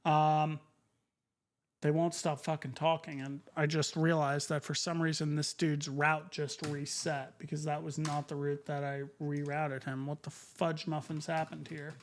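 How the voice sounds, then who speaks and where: Male livestreamer, casual and profane, higher-set voice with flat inflection, half talking to himself. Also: unhurried, slight background noise. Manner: informal, muttering, profane. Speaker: streamer.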